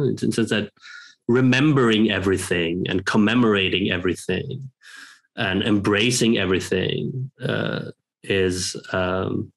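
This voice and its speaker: The guest is a male professor from Norway in his 30s, with a lowish, gravelly voice. On a video call from home, using headphones in a room with bookshelves, he gives reflective interview talk that's halting and thoughtful, with many pauses and restarts.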